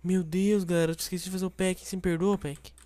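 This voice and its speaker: A man doing rapid, jokey gameplay commentary. His voice sits a bit high, and he talks quickly and excitedly. It sounds like a casual recording session with a friend. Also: dry recording. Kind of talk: casual let's play chat.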